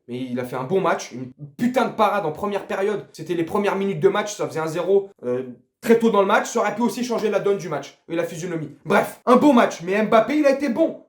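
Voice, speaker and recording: A man's voice: high voice, echoey room. A man ranting casually and with profanity about a football match, talking straight to his viewers. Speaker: football vlogger. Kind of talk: casual post-match rant.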